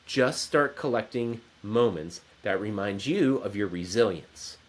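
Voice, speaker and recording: A man's voice: fairly low pitch, lively intonation, a little slow. A man in his forties giving an earnest, encouraging motivational talk to camera from his home office. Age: 40s. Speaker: motivational speaker.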